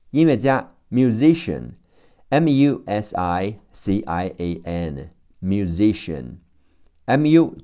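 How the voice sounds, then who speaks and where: A man with a Chinese accent leads a phonics lesson, his low, mellow voice moving at a very slow, deliberate pace. He spells out each word letter by letter and says it again and again. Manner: spells words letter by letter and repeats them slowly. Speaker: English teacher.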